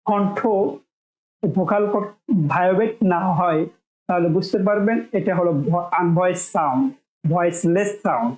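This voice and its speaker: A woman teaching English pronunciation, saying each sound slowly several times so learners can copy it. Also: fairly low pitch, a little mellow, roomy sound, poor audio. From Bangladesh. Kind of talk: spoken lesson, demonstrating sounds.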